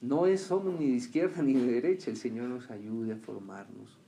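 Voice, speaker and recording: A man preaching a sermon who keeps asking his listeners questions and answering them, rising loud on key lines and dropping low and quiet on others. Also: normal speed, vocal fry, slight background noise. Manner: swings between raised emphatic lines and quiet low remarks.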